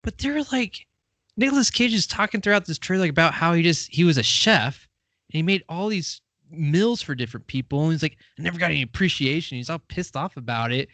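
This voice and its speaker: A man's voice: on the high side, lively intonation, fairly quick, sharp tone, dry recording. A man co-hosting a movie podcast in loose, rambling casual chat, full of fillers. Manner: rambling, lots of fillers and laughs. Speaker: podcast co-host.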